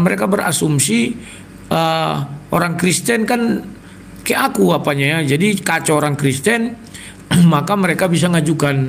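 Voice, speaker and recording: Scornful male live-stream host, high and gravelly, blunt casual talk. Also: fairly bright tone, a little hiss or hum. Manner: scornful, blunt, clears throat often.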